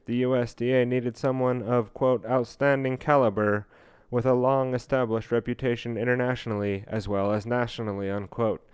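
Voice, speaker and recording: Male podcast host reading and commenting, smooth resonant voice, dry close sound, halting with fillers. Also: mid-range voice, dry recording. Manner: halting, many fillers and restarts while reading.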